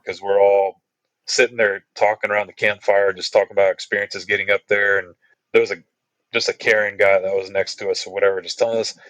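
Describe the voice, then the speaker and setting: A man's voice: lowish voice, fairly bright tone, no room sound, poor audio. A man telling hiking stories in a loose, rambling way, full of "you know" and "like", as a guest on a podcast. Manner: rambling, laid-back, many fillers like "you know" and "like". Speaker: podcast guest, long-distance hiker. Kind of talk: casual storytelling chat.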